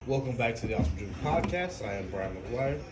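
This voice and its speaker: A man's voice: medium pitch, lively intonation, fast talker. A man hosting a casual podcast, moving things along with teasing banter. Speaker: podcast host. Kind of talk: casual chat. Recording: echoey room with noise.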